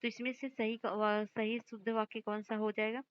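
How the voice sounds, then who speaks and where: A woman teacher going through exam questions, explaining each answer and slowly repeating words to stress their spelling. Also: fairly high pitch, level tone, smooth, dry recording, highs cut off. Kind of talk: exam-prep lesson.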